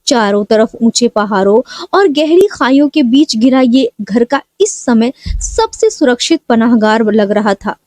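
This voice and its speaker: A woman tells a scripted dramatic story in a high voice whose tone is mellow and rounded rather than sharp. The recording is dry and close, with no room around it.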